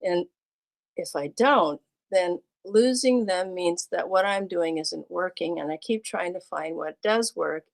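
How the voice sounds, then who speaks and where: A woman's voice: on the low side, rough recording. A woman who teaches second grade, telling personal classroom stories in a livestreamed talk and acting out her exchanges with students. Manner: acts out classroom scenes with her students, lively and animated.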